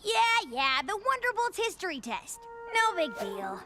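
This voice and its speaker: A woman's voice: extremely high pitch, sing-song, a little slow, pushed and bright, slight background noise, exaggerated voice. A woman voicing a brash, sporty young female pegasus in a cartoon, cocky and sarcastic, with music behind.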